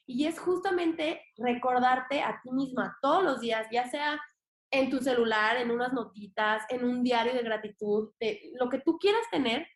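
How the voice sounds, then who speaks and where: High-voiced Mexican woman in an echoey room. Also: moderate pace. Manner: expressive and slangy, acts out her inner voice. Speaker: podcast guest. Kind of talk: casual conversation.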